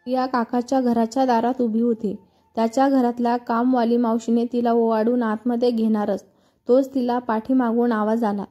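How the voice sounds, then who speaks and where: Mellow, even-toned woman storyteller. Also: fairly high pitch. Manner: steady, even reading. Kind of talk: scripted story narration.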